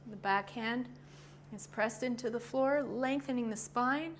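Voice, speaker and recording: A woman leading a yoga class with short, calm cues in a gentle, encouraging, informal way. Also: on the high side, unhurried. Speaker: yoga instructor. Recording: clearly noisy ambient background.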